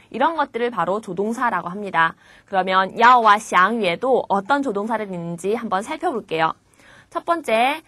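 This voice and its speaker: A Korean woman teaching a beginner Chinese lesson, patiently modelling each word slowly before explaining it. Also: on the high side, bright, forceful tone, no room sound.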